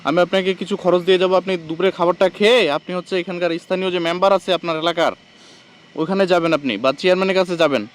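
Beside a rail crossing outdoors, a man vlogs to the camera in a high-pitched, fairly even voice, talking very fast on a clean recording. He keeps asking urgent, repeated questions while explaining what's happening.

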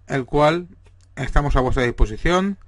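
A man with a Spanish accent, reading a list of tips aloud in a measured, steady way as the presenter for a real estate firm. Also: mid-range voice, no echo, studio quality. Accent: Spain. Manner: measured, steady delivery of numbered points.

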